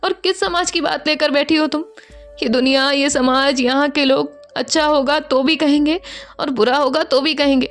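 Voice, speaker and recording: A woman's voice: high voice, fairly even intonation, normal speed, faint music behind, pitched above the performer's own voice. A woman voicing a crying young woman who stammers and repeats her words as she pleads with her lover. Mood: firm reassuring.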